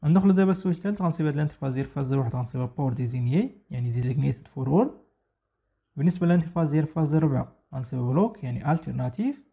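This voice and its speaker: Moroccan male instructor, quick explanatory delivery, husky fairly high voice, technical tutorial read. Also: warm tone. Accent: Moroccan Arabic. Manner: rapid explanatory, mixing French and English technical terms. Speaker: networking instructor. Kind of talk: screen-recorded tutorial walkthrough.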